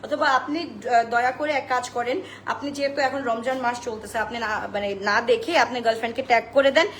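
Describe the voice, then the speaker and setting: A woman's voice: a little high, steady tone, quick pace. A young woman selling clothes on a live stream, chatting to viewers, mixing in English and rattling off sizes in a sing-song list. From Bangladesh. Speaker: online clothing seller. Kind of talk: live-stream sales pitch. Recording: echoey room with faint noise.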